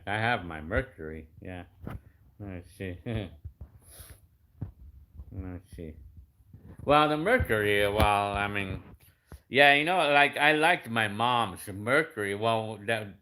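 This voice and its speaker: A man's voice: on the low side, pushed and bright, slight background noise. A fifty-year-old man chatting casually as he reads out viewer comments, rambling with many restarts and fillers. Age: 50s. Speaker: YouTube creator answering comments.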